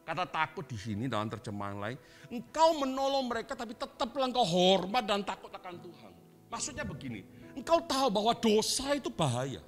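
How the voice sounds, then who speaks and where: A male preacher delivers a sermon in a high, very animated voice. He tells stories and acts out snatches of dialogue as he goes. Faint music plays underneath. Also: a little fast. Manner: lively storytelling with quoted dialogue. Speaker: pastor.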